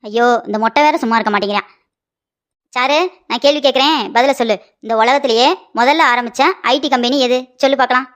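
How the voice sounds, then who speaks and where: A woman voicing a sharp-tongued, scolding middle-aged mother-in-law in a cartoon comedy. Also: a little high, close to an everyday voice. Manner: rapid scolding and mocking.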